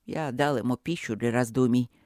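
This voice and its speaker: A narrator lowering the voice for a serene dragon lord and blade master, unhurried and gently patronizing. his voice drops low and quiet. a storybook elder who never raises his tone, recorded close and dry. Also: no room sound, natural voice. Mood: calm.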